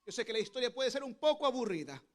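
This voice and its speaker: A man pastor delivering an impassioned Pentecostal sermon at a church service, often rising into shouted exclamations. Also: extremely high pitch, very animated, fast.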